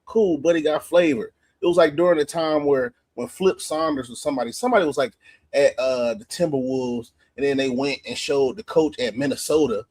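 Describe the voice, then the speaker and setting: Husky-voiced man bantering about football. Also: mid-range voice, fairly quick, darkish tone. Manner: joking, laughing, profane banter. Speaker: podcast co-host, former juco football player. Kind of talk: casual sports chat.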